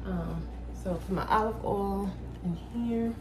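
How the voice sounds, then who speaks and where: A woman's voice: medium pitch, takes it slowly. Woman cook-along vlogger, loose and chatty, roomy kitchen sound, sizzling pan behind. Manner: chatty, loose, thinks aloud with fillers. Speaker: cooking vlogger. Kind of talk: casual cook-along narration. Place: home kitchen, indoors. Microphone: camera on the counter. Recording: echoey kitchen with frying noise. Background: food sizzling in a pan.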